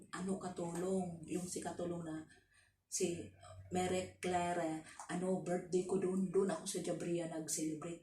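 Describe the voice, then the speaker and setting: A woman's voice: on the low side, warm tone, slight background noise. A woman from the Philippines who works abroad as a domestic helper, telling her story casually with many restarts and fillers. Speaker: overseas domestic worker. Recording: roomy, from a distance.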